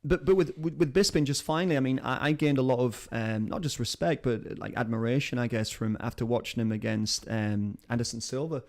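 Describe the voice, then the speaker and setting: A man's voice: medium pitch, brisk, gravelly, few pauses, a little mellow. A man hosting a live-stream chat, rambling and enthusiastic as he talks. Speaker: show host.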